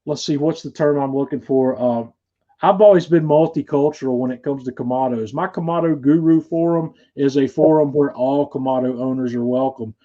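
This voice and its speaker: A man's voice: medium pitch, fairly quick, warm tone, lo-fi sound. A man hosting a casual live-stream chat, easygoing and folksy in the way he talks. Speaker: show host.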